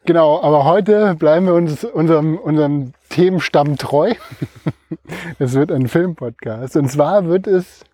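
A middle-aged man co-hosting a casual podcast, telling stories haltingly as he talks while running outdoors. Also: a little high, dark tone, no room sound. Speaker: podcast co-host. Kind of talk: casual storytelling chat. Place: outdoors, on the move.

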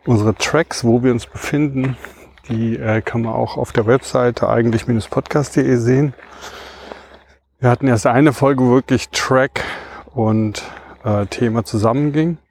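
A man's voice: mid-range voice, steady tone, normal speed, a little mellow, dry recording. A man co-hosting a casual podcast, chatting while running outdoors. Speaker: podcast co-host. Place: outdoors, on the move.

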